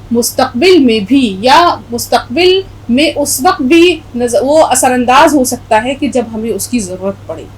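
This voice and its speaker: A woman's voice: high voice, low-quality recording. A middle-aged woman teaching an Urdu lesson, patiently spelling out letters and repeating words as she explains a poem.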